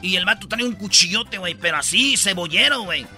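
Guy, high piercing bright voice, rowdy joking host, music under it. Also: expressive, fairly quick. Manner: rowdy storytelling with slang and sound effects. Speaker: radio comedy host. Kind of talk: joking radio banter.

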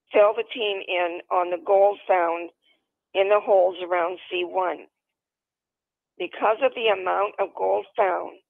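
Woman recapper, slow gravelly read over a tinny phone line. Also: mid-range voice, no echo. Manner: slow, careful reading with small slips. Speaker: show recapper. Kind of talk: reading a prepared recap.

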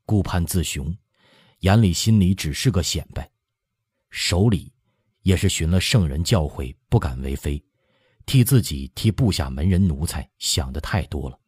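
A man's voice: low voice, lively intonation, moderate pace, a little mellow, husky, no room sound, clean studio sound. Man reading as a humbled young noble general. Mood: contrite. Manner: earnest, self-reproaching confession.

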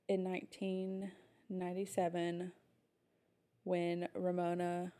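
A woman co-hosting a podcast, recapping episodes in casual chat with steady fillers. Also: on the low side. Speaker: podcast co-host.

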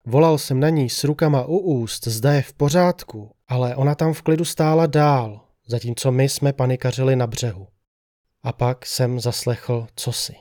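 A man tells a first-person horror story in scripted narration. His delivery stays measured and steady, his voice sits in an ordinary middle pitch, and the recording is close and dry. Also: dry recording.

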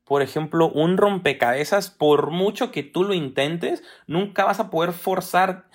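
A man's voice: high-pitched, measured pace. Direct-talking motivational man. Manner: direct, addresses listener as tú with frequent "¿me explico?". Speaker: motivational speaker. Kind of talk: motivational talk to camera.

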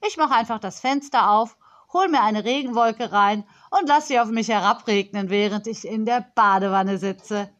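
A woman voicing a whimsical, dreamy grown-up nanny who speaks calmly and mildly. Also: on the high side, normal speed, muffled recording, natural voice.

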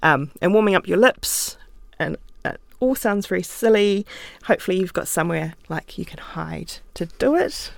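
New Zealand woman, interview guest; creaky, gravelly tone, dry close studio sound, easygoing and chatty. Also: on the low side, lively intonation, normal speed, hardly any pauses, dry recording. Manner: chatty, laughs often, thinks aloud. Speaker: guest writer. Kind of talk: relaxed interview talk. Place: recording studio.

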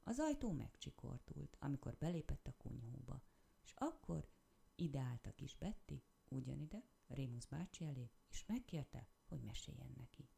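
A woman reads a children's story aloud with a low, gravelly voice. Her telling moves lively up and down, with a dark, mellow tone. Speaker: narrator. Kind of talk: storybook reading.

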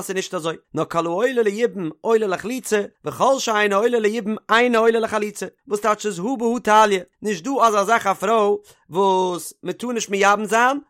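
A man teaching a study lesson, explaining a text with lively questions and a rising, falling singsong. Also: high-pitched. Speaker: Talmud teacher.

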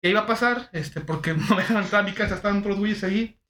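A man's voice: sits high, rapid-fire, a bit bright. A young Mexican man telling anecdotes in casual chat, with slangy, sweary street talk. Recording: echoey room.

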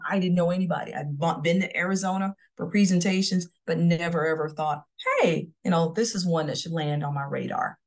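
A middle-aged woman from Florida, telling her career story with confidence in a podcast interview. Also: deep voice. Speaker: guest, CEO.

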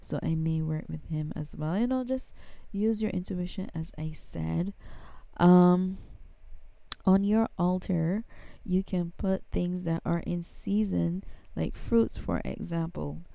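A Barbadian woman speaking in a lowish, gravelly voice with a mellow, relaxed tone. She chats casually to her viewers, calling them guys and filling pauses with ums. The sound is dry and close. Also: no room sound. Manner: chatty, addresses viewers as guys, many ums. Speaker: spiritual vlogger. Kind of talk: casual spiritual talk.

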